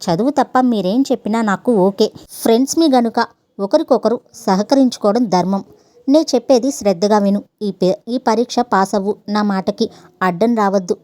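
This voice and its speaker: A woman's voice: mid-range voice, moderate pace, warm tone, dry recording, lightly acted. A woman reading as an earnest young male tutor.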